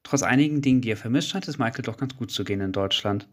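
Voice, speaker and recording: A man's voice: mid-range voice, fast. Young male student radio reporter. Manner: scripted, even narration with interview questions. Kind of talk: read-out radio feature narration.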